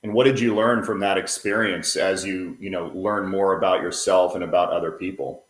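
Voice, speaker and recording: A man with a very low voice hosts an interview from a roomy, echoing space. He asks brief questions and offers short sympathetic responses. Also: steady tone, normal speed. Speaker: podcast host. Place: virtual venue, remote call.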